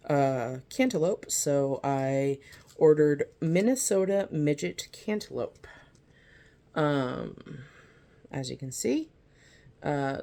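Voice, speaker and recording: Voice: medium pitch, a little mellow. A gardening vlogger chatting casually through an unboxing, rambling with lots of fillers and apologetic asides, sometimes reading packet text aloud. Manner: reads seed-packet descriptions aloud. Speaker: gardening video host. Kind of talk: casual unboxing and seed review.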